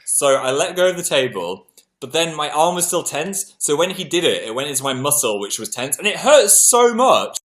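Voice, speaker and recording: British guy rambling on his livestream, bright voice, telling goofy stories about himself. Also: on the high side, moderate pace. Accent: British English. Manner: animated, self-mocking, chatty anecdotes. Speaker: livestream host. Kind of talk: casual storytelling to viewers.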